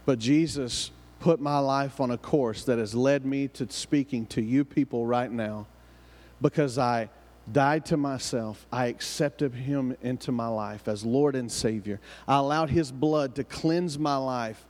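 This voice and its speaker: Recorded in a reverberant hall, this sermon comes from a southern US man speaking in a hillbilly accent, driving his points home with repetition and rhetorical questions. He has a medium pitch, a slightly darkish tone, and a somewhat slow delivery.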